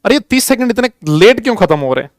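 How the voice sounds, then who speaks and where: High-pitched chatty male chemistry teacher. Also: sing-song, fast, no echo. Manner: chatty, jokey, calls students beta. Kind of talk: live online class with chat and polls.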